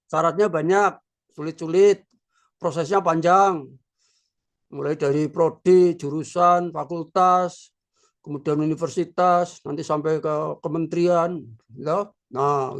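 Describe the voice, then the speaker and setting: Older prof, kinda gravelly voice, slow and thoughtful, lots of "ya". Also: male voice, sits high. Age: 60s. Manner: unhurried, reflective, with frequent filler "ya". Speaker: philosophy professor. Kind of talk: informal lecture.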